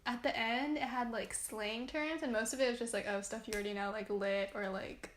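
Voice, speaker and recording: A woman's voice: on the high side, fairly even intonation, a little fast, fairly bright tone, roomy sound. A young woman guest in casual chat, rambling with lots of "like" and "um". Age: young adult.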